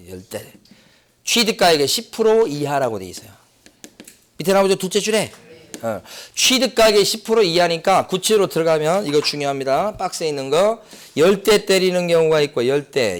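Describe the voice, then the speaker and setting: A middle-aged man giving an exam prep lecture, asking rhetorical questions and repeating key points. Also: on the high side. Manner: lively, rhetorical questions and repetition.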